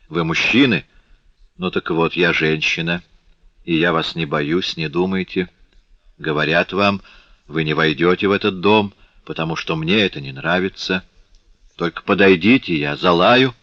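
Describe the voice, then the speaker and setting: A ragged young street girl, fearless and scornful, taunts armed men, read by a man with a very low voice. The sound is dull and dry, like an old lo-fi audiobook. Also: a little slow, pauses often, bright, forceful tone, dry recording, heavily acted. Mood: defiant.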